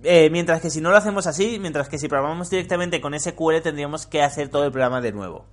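Spanish guy hosting a podcast, frank chatty talk, kinda higher voice, swears a lot. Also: fast. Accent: Spain. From Spain. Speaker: podcast host. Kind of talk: casual podcast chat.

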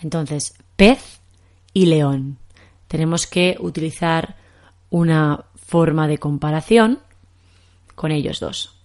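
Slow-speaking Castilian Spanish woman teacher. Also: sits low, a little mellow. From Spain. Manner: patient, explains slowly with examples. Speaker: Spanish teacher, podcast host. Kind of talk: podcast language lesson.

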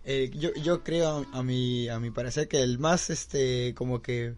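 Hombre que duda, lleno de "este" y "claro". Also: male voice, mid-range voice, a little slow, darkish tone. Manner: agreeable, hesitant, many "este" and "claro" fillers. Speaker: podcast co-host. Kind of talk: casual debate chat.

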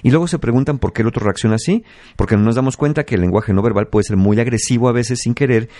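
Brief: Mexican man, advice host, mid pitch, explanatory, dry booth. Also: quick pace, mellow, dry recording. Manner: explanatory, acts out examples. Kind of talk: relationship advice talk.

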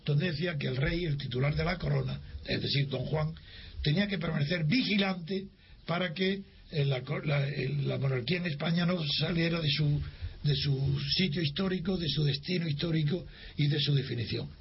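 Older man telling a story, gravelly voice. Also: on the high side, normal speed. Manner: lively storyteller who acts out dialogue, with frequent restarts. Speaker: interviewee. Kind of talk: recounting a personal memory. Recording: dull lo-fi recording with faint hiss.

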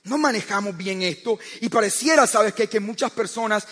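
A man's voice: high-pitched, moderate pace, a bit bright, in a large hall. A man preaching a sermon who tells stories and keeps asking his listeners "¿sabes qué?", often stammering and restarting his sentences.

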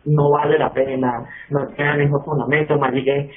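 A man's voice: on the high side, normal speed, husky. Opinionated man, phone-thin audio. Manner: opinionated, relaxed and personal. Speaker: podcast co-host. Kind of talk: casual podcast chat. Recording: tinny online call audio.

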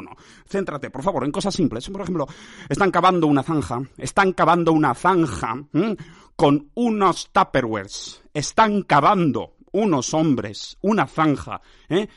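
Theatrical Spaniard with a dry, close sound. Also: male voice, medium pitch, no echo. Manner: theatrical and emphatic, tags phrases with "¿eh?"; addresses himself by name like a stern director. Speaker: host. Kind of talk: absurdist improvised monologue.

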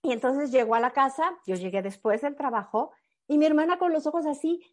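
A woman giving a motivational talk, telling a personal story in an animated, earnest and emphatic way. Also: high voice, a little fast. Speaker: motivational speaker.

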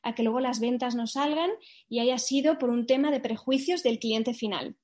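A woman speaking as a guest in a casual podcast conversation, her voice sitting a little high. She talks in an animated way, slips into quick impressions of her clients and checks in with little tag questions as she goes. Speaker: recruiter, interview guest.

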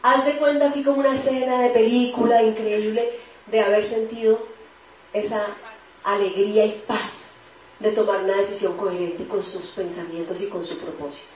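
A woman's voice: mid-range voice, flat delivery, moderate pace, slight background noise. Woman co-presenter in an echoey hall. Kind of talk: motivational seminar talk. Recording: echoey hall, distant dull mic.

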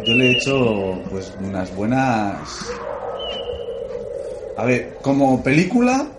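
A man's voice: medium pitch, lively intonation, takes it slowly. Crude, laughing man. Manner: crude, laughs a lot, gives mock ratings. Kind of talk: casual comedic film review chat. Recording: echoey room with clear noise.

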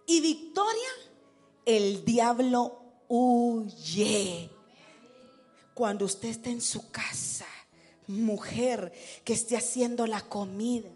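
A woman preaching to her congregation in an animated way, breaking into war cries and sounding out drum beats. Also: on the high side. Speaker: preacher teaching tambourine and worship dance. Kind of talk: lively sermon to a congregation.

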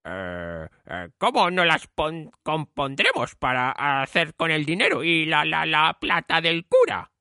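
Stammering nervous thief, bright gravelly tone, slow drawl. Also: male voice, on the high side, very animated, no echo, clean studio sound, pitched above the performer's own voice, exaggerated voice. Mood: scheming. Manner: stammering, hesitant. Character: bumbling nervous male thief.

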